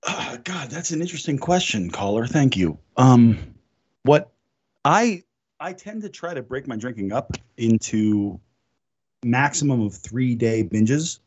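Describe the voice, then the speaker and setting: A man's voice: medium pitch, lively intonation, unhurried, a little mellow, breathy edge, dull audio. A man chatting casually on a group call, joking and laughing often, from the American North. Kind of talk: casual chat.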